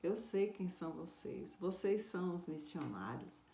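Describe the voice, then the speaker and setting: A woman voicing an angry, bitter village sorcerer who is a man, speaking loudly and resentfully in a roomy space. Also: high-pitched, expressive, measured pace, gravelly, voice pushed up, full character voice. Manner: shouting, resentful, raised voice. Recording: roomy echo.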